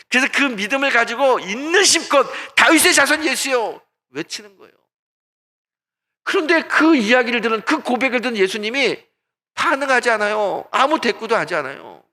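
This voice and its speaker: A male senior pastor preaching a Sunday sermon as dramatic storytelling, swinging between hushed passages and loud ones. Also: high voice. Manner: dramatic storytelling, acting out voices.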